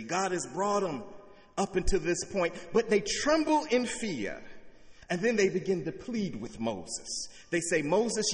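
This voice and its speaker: A man's voice: fairly high pitch, fairly bright tone, big-room sound. A middle-aged man preaching a sermon, telling stories with vivid humor. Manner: storytelling, uses vivid humor. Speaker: pastor.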